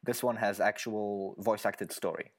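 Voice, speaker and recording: A young man co-hosting a casual podcast about games. He talks in a loose, excitable way, laughs often and says "like" a lot. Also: lowish voice, a little slow. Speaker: podcast co-host. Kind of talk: casual gaming chat.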